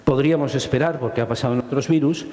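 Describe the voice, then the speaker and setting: A man with a Spanish accent giving a lively public science talk, joking and asking his audience questions. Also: mid-range voice, fast. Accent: Spanish from Spain. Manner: jokey, asks the audience questions, swears casually. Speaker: microbiology lecturer. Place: large lecture hall. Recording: roomy hall with long reverb.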